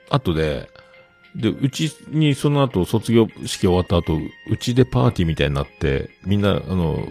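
Middle-aged male host, casual storyteller, lively swooping pitch, acts out quotes. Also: vocal fry. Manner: chatty, acts out other people's lines in quotes.

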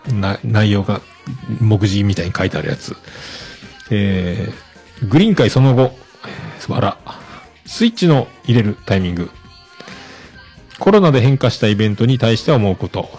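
Gravelly-voiced man hosting a podcast. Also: on the low side. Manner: relaxed, lots of fillers, reads messages aloud. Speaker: podcast host. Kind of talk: casual chat reading listener messages.

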